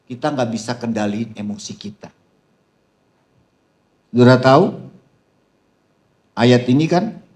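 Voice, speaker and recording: A man's voice: medium pitch, lively intonation, measured pace, pauses often, a little mellow. A man preaching a sermon to a seminar audience as pastor, constantly calling out to the crowd and mixing scripture with teasing jokes. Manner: addresses the crowd with repeated "saudara", teasing humor. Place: seminar hall.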